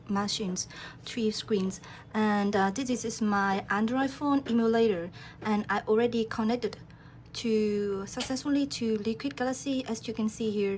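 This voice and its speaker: Slow, calm woman demoing software. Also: fairly high pitch, a little hiss or hum. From Vietnam. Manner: calm, guiding the viewer step by step. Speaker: program applicant demoing her task. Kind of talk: screen-recorded software demo.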